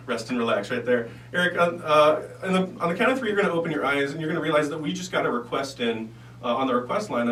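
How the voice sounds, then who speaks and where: A man's voice: medium pitch, fairly bright tone. A man speaking as a stage hypnotist and radio guest, chatting and giving instructions. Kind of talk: conversational interview and hypnosis instructions. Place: radio studio. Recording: echoey room, distant mic, faint hum.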